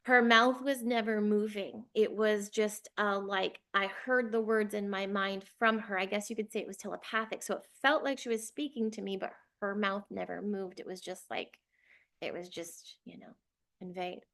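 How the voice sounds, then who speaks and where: A woman's voice: mid-range voice, fairly even intonation, moderate pace, a bit bright. A young adult woman, a spiritual channeler, telling a personal story in a loose, rambling way full of fillers, sometimes getting emotional.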